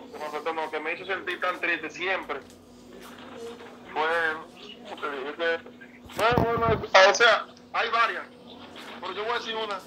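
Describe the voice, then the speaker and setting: A man's voice: a little high, background noise. A man talking as a baseball player guest in a casual interview, earnest and emotional, often repeating himself. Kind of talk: casual interview, heartfelt storytelling.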